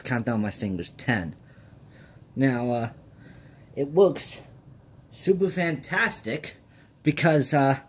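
An American man in his late twenties earnestly presents a vlog about a personal project, mixing scripted narration with casual talk to the camera. His voice is mid-range and husky.

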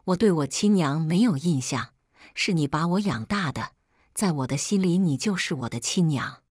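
A woman's voice: sits low, lively intonation, normal speed, darkish tone, breathy edge, no room sound, studio quality. A woman reading the lines of a grateful, emotional middle-aged farmer son in a spoken story. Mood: heartfelt. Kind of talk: read-aloud storytelling.

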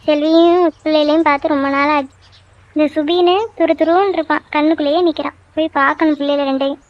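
Brief: woman playing a nagging cartoon mum, high, quick, dull dry recording. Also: fairly even intonation, no echo, natural voice. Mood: musing. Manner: scolding, nagging. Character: scolding middle-aged village mother. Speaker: voice actor. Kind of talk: cartoon dubbing.

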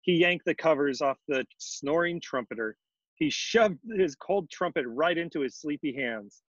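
A man co-host reading a children's story aloud over a video call, with a lively, animated delivery. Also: a little high, moderate pace. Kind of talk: storybook narration. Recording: dull lo-fi video call audio.

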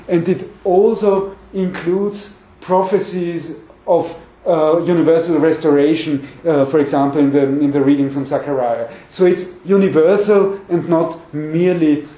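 A man's voice: on the high side, fairly even intonation, unhurried, mellow. A man in his forties giving a scholarly seminar lecture, hesitant and often repeating words as he searches for phrasing. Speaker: academic lecturer. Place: meeting room with conference table, indoors. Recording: echoey room, mic at a distance.

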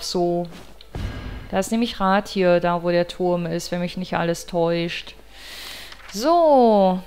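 Panicky woman gamer over game music. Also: mid-range voice. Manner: excitable, panicky outbursts, swearing, rambling fillers. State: sweaty and stressed. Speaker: let's play gamer. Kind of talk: live gameplay commentary.

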